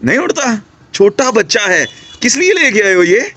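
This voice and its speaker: A young man hosting a casual pet vlog at home, chatting excitedly and coaxing his animals. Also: extremely high pitch, moderate pace. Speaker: pet vlogger.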